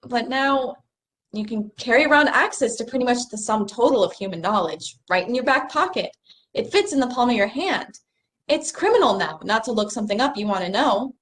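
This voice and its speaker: A woman's voice: fairly high pitch, animated, fairly quick, a bit bright. A young woman acting an earnest, bookish stargazer in a stage play reading, a little apologetic as she explains things. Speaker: actor in a rehearsed play reading.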